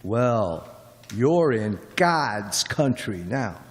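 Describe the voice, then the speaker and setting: A man's voice: medium pitch, big pitch swings, drawn-out words. A man doing a rambling folksy cab driver. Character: chatty, folksy middle-aged male cab driver. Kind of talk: radio play acting. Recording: long hall reverb.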